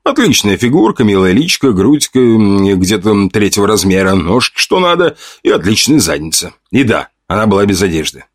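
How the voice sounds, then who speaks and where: A man's voice: fairly low pitch, big pitch swings, brisk, hardly any pauses, no echo. A man narrating a first-person audiobook in a coarse, mocking manner full of slang, on a close mic.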